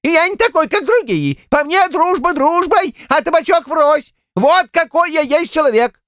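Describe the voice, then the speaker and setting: A man voicing a quarrelsome old village man in a shrill falsetto, rambling and shouting in heated bursts. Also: expressive, moderate pace, dry recording, studio quality. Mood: argumentative.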